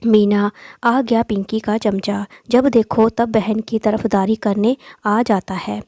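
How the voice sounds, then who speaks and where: A woman voicing a harsh, sharp-tongued stepmother who scolds and shouts, in a storybook reading. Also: medium pitch, level tone, slow pace, no room sound, clean studio sound. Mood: scolding. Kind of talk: storybook voice acting.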